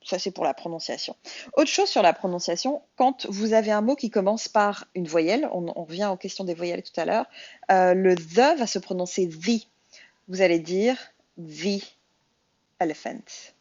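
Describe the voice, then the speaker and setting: A woman English teacher, whose first language is French, explains English grammar in a casual, chatty lesson, addressing viewers directly. Her voice is fairly low with a darkish tone and moderate pace; the audio is dull, with no room sound.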